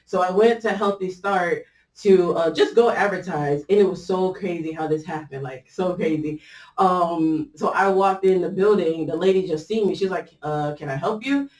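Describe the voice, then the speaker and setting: A woman's voice: fairly low pitch, normal speed, darkish tone, distant mic. A woman casually telling a personal faith story, chatty and loose, with lots of fillers and easy laughter. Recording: echoey room, voice set back from the mic.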